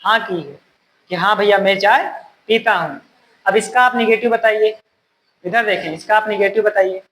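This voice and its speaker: Male classroom teacher who keeps firing questions at his students and scolds them gently, a bit of faint noise in the room. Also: high voice, moderate pace, rough recording. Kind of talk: classroom grammar lesson.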